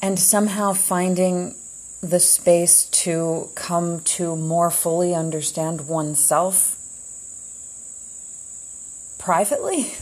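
A woman hosting her own show, speaking in a slow, meandering, introspective monologue with long pauses. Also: lowish voice, steady tone, a little mellow, poor audio. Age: adult, heard as a child in the 80s. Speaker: podcast host.

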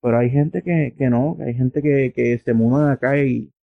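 A man's voice: medium pitch, moderate pace, gravelly, no room sound. A man from Puerto Rico with a Puerto Rican Spanish accent, an interview guest talking in a casual, earnest, explanatory way and thinking aloud. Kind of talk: casual conversation. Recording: dry, slightly muffled recording.

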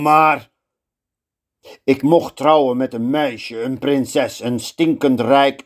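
A man as a resentful grand vizier, slow brooding talk, ordinary male voice, storybook. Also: mid-range voice, lightly acted.

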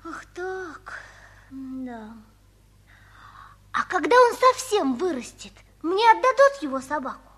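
A woman's voice: very high-pitched, sing-song, slow, pauses often, a bit bright, exaggerated voice. A woman playing an earnest, wistful seven-year-old boy in a 1950s Soviet radio play, with childlike, pleading eagerness. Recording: 1950s radio drama recording.

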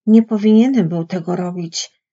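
A woman voicing a big, simple-minded man who pleads in a childlike, panicky way, with a husky voice. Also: lowish voice, normal speed, dark tone, natural voice. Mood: subdued. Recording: dull lo-fi recording.

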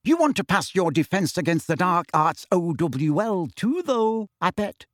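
Man doing a doubtful teenage boy, needling, a bit higher, dry sound. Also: very animated, a little slow, no echo. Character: skeptical, watchful teenage boy.

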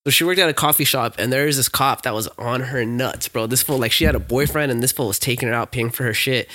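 A man's voice: mid-range voice, fast talker, pushed and bright. A man chatting casually in a slangy frat-bro way, peppering his talk with bro and dude. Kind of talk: casual group chat.

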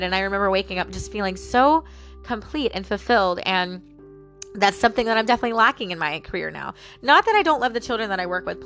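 A woman with a medium-pitched, fairly bright voice hosts a personal talk show, sounding slightly nasal because of a stuffy nose. She chats and rambles, thinking aloud and referring to her listeners as "guys."

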